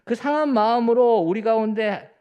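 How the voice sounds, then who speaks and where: A man's voice: normal speed, smooth, long reverb tail, lo-fi sound. A man preaching a sermon as pastor, speaking earnestly to the congregation and repeating words for emphasis. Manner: earnest preaching with rising emphatic peaks and soft low endings; addresses the congregation directly, often repeating words.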